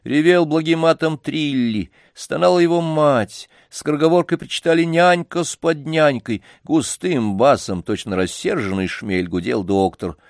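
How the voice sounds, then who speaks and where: A man narrating an audiobook in a measured, even manner. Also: on the high side, dry recording, clean studio sound.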